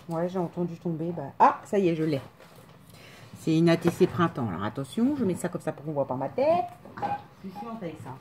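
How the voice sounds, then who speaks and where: A woman's voice: lowish voice, dark tone, a little hiss or hum. A woman unpacking craft gifts in a casual vlog, chatting and rambling, often correcting herself and laughing. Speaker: crafter showing a mail swap. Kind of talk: casual show-and-tell vlog.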